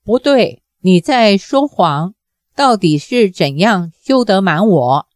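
A woman's voice: mid-range voice, animated, slow, darkish tone, no room sound, clean studio sound. A woman voicing a fierce, embittered older mother who talks sternly and commands.

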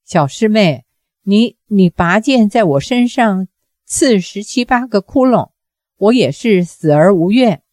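A woman voicing an anxious young male swordsman who stammers and pleads, slowly and mellowly. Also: medium pitch, lively intonation, a little mellow, no room sound, clean studio sound, close to an everyday voice. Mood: pleading.

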